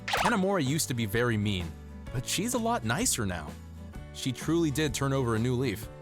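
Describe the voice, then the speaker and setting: With a mid-range voice, big pitch swings and a slightly fast, lightly acted delivery, a man dubs a manga over music. He narrates and voices an ordinary young office worker and loyal boyfriend who is earnest yet easily exasperated.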